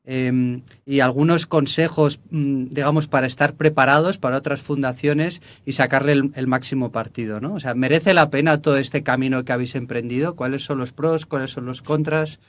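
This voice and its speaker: Mid-pitched male moderator with Spain accent. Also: fairly even intonation, moderate pace, few pauses. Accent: Spain Spanish. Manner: informal, reformulates questions as he goes. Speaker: panel moderator. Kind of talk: unscripted moderating.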